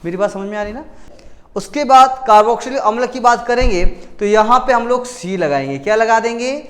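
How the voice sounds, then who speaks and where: With an extremely high, fairly bright voice, this chemistry teacher speaks fairly quickly in a casual classroom style. He answers his own questions, repeats key words, and keeps fixing his slips.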